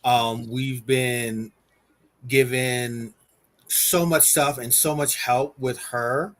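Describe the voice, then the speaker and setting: Male co-host, easygoing and teasing, mid-pitched voice. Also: fairly even intonation, drawn-out words. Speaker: podcast co-host. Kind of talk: casual chat.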